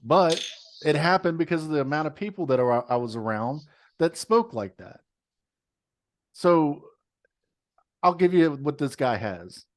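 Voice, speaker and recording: A man's voice: on the high side, expressive, unhurried, pauses often. A man co-hosting a podcast with a slight Texas twang, talking bluntly and profanely in casual chat. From moved to Texas. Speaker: podcast co-host.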